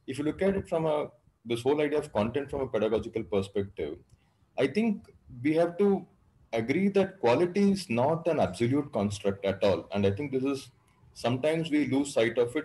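A middle-aged man gives panel remarks over a video call, speaking in a measured, deliberate way with pauses between phrases. His voice sits at an ordinary middle pitch. The room around him sounds echoey. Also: dark tone. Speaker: panelist on education technology.

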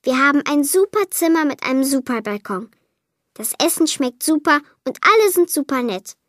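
A woman reading a children's Christmas story aloud, lively and lightly voicing the girl and her parents. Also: high-pitched, moderate pace, no room sound, clean studio sound. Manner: lively, voices the child, mother and father lightly.

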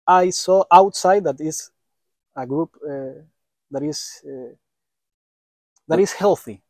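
Man interviewer, higher voice, dry sound, halting questions with fillers, outdoors. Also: a little mellow, dry recording. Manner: halting, searching for words with fillers. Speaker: sports interviewer. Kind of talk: interview questions in second language. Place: outdoors by sports courts.

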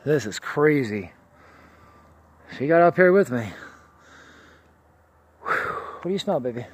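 This hiker vlogs outdoors on rocky canyon slopes, chatting casually while climbing with a handheld camera and coaxing his dog along in a raised voice. He sounds somewhat high-pitched, animated, and slightly rough, taking his time, a little winded from the ascent.

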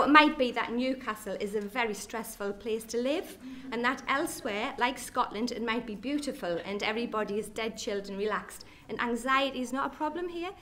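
A woman's voice: a little high, fairly bright tone, slight background noise. Chatty Geordie woman giving a talk. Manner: chatty, jokey asides to the audience. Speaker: nurse consultant. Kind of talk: conference presentation. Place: lecture hall at an education day.

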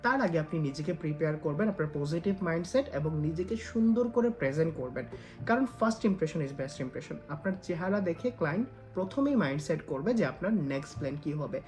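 A man's voice: on the high side, animated, fairly quick, a little mellow, faint music behind. A man giving casual advice straight to the viewer, dropping English phrases into his talk. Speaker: freelancer giving career advice. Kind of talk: direct-to-camera advice talk.

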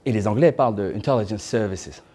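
A man in his thirties sits in an indoor room as a guest speaker, filmed from a distance while lecturing a small audience. His lowish, husky, dark-toned voice moves fairly quickly as he talks conversationally and throws in joking asides.

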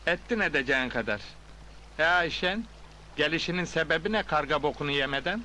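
A stubborn village bachelor, dry and teasing in an old film comedy. His voice is a little high and bright. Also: expressive, fairly quick, slight background noise. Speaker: village man. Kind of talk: 1980s film comedy acting.

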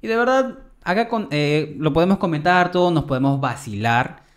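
A man's voice: fairly high pitch, animated, normal speed. A young man, co-hosting a podcast, chatting casually and speaking directly to the listeners. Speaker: podcast co-host. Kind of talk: casual chat.

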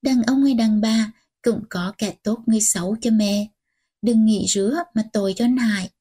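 Woman narrator voicing a defiant teenage girl, higher and soft, audiobook. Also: normal speed, slightly rough. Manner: pleading, defiant. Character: teenage girl, stubborn granddaughter, defiant and tearful.

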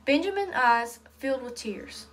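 A woman with a fairly high voice reads a children's story aloud. Her delivery is earnest and steady. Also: moderate pace. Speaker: reader.

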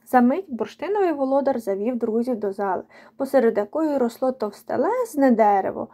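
High, mellow woman reading a children's book. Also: lively intonation, a little fast. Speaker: storyteller.

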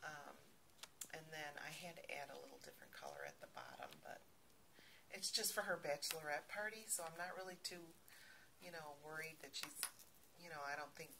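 A middle-aged woman talks through her handmade project in a loose, rambling way, full of ums and restarts. Her voice sits low with a gravelly edge. It is recorded on a handheld phone video, with a faint hiss behind it. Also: very animated, normal speed. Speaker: crafting vlogger. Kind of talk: casual show-and-tell.

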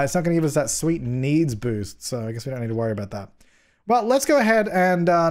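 A young gaming YouTuber, his medium-pitched voice slightly hoarse from a cold, gives jokey, chatty let's-play commentary on a life-simulation game, scolding his characters as he goes. He records on a headset mic at home.

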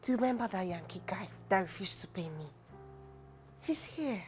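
A woman with a Nigerian accent playing a proud, indignant young woman in a film drama, speaking with deliberate weight. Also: medium pitch, animated, lightly acted. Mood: anxious. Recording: music bed behind dialogue.

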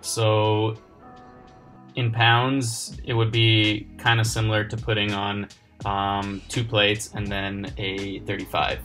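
A man's voice: on the low side, completely flat delivery, takes it slowly, sharp tone, faint music behind. A young man giving casual, chatty commentary over his gym workout video, laid-back with lots of fillers. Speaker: fitness vlogger.

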